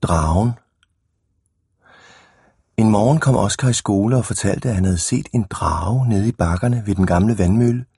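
Husky low-voiced man reading a storybook. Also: long pauses, mellow, no echo, clean studio sound. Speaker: narrator.

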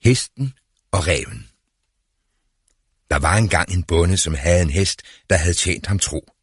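A man narrating a fairy tale in a slow, deliberate storytelling manner. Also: sits low, slightly rough, no echo, studio quality.

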